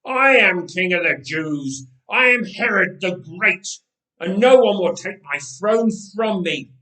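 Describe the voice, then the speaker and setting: A man's voice: high voice, expressive, takes it slowly, pitched above the performer's own voice, full character voice. Man voicing King Herod, a ruthless paranoid tyrant. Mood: raging, defiant. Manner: brooding mutters rising to forceful declarations. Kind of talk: dramatic storybook reading. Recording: roomy echoing voice recording.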